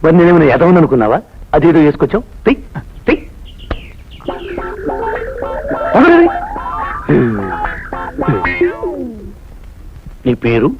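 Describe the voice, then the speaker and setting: An actor playing a short-tempered, pompous boss who badgers people with sharp repeated questions, in comic film acting. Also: male voice, a little high, wildly swooping pitch, fast talker. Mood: scolding. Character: blustering, short-tempered male boss, middle-aged. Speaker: pompous boss interviewing job applicants. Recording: dull film soundtrack with faint music.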